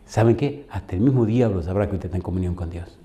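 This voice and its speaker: A man in his fifties with a Dominican Spanish accent, preaching a colloquial storytelling sermon, often laughing and calling listeners "compadre". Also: fast talker. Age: 50s. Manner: animated, laughs often, acts out dialogue with pitch jumps. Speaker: pastor.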